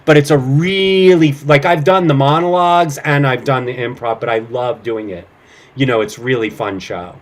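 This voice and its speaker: A middle-aged actor and improv comedian chats casually as an interview guest, recounting stories informally and voicing bits of dialogue. He talks at a moderate pace in a mid-range voice.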